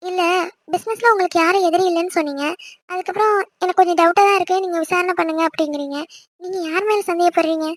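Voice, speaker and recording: A woman voicing an anxious young wife who worries and questions her injured husband, in an amateur animated serial. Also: very high-pitched, fast, dry recording. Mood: questioning.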